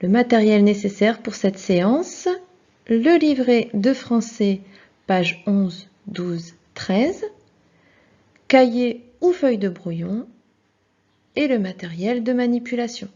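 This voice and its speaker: A woman's voice: on the high side, slow pace, dark tone. A woman teaching a children's video lesson, speaking patiently and encouragingly and addressing the child directly. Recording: dull lo-fi sound.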